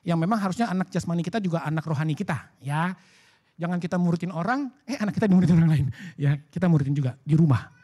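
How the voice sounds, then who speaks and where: A man preaching a sermon at a church service, in a lively, colloquial way that acts out bits of dialogue. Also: fairly high pitch, fast. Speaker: pastor.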